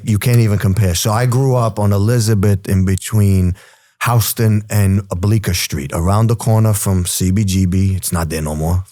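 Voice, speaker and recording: A man's voice: fairly low pitch, no echo. Streetwise New York man in his forties. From New York City. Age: 40s. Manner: streetwise, animated, says "bro" and "you know". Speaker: guest. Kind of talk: casual storytelling interview.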